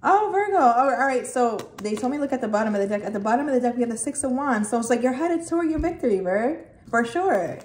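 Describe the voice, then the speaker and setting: A woman's voice: fairly high pitch, quick pace, few pauses. A woman giving a casual tarot reading, chatty and emphatic, swearing freely and checking in with "okay" again and again. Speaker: tarot reader. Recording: echoey room, faint noise.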